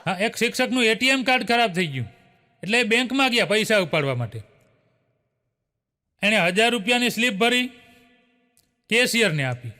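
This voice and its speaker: A man's voice: high voice, animated, sharp tone. A man telling a string of short jokes, chuckling often as he goes. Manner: brisk storytelling, chuckling often, tags lines with a filler. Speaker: joke teller. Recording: long hall reverb.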